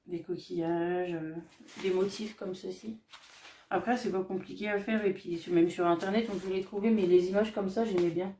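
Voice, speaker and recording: A woman vlogger casually showing off her craft shopping haul, chatty and hesitant, often pausing on fillers as she describes each item. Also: lowish voice, fairly even intonation, warm tone, distant mic, a little hiss or hum. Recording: echoey room, voice off-mic.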